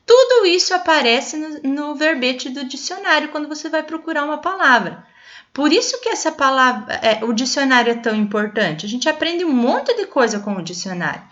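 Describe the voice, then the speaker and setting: Brazilian woman, teacher, lively pitch, high-ish voice, patient explaining to kids, dull lo-fi sound. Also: normal speed. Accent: Brazilian Portuguese. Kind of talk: classroom lesson for children.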